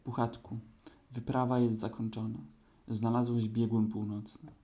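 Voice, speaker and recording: A man's voice: mid-range voice, fairly even intonation, normal speed, dark tone, close to an everyday voice. A man voicing a kind, earnest young boy in a storybook reading, solemn and caring toward his friends.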